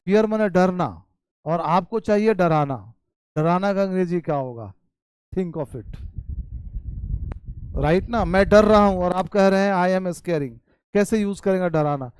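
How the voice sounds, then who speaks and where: A man teaching spoken English in Hindi with an Indian English accent, reading English sentences slowly and explaining them quickly. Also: sits high, clear, resonant tone, dry recording. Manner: addresses viewers warmly as "bhai" and "babu".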